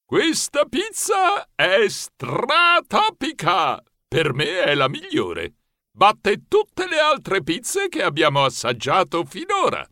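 A man voicing a genial, expert male mouse pizzaiolo who speaks slowly and solemnly in an audiobook. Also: a little high, huge pitch swings, no echo, clean studio sound, heavily acted. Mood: solemn verdict. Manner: slow, solemn, warmly assured. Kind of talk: audiobook character voice.

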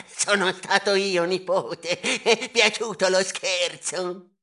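A man's voice: high voice, takes it slowly, sharp tone, voice pushed up, heavily acted. A man voicing a cheeky prankster uncle mouse in a storybook, teasing in his talk.

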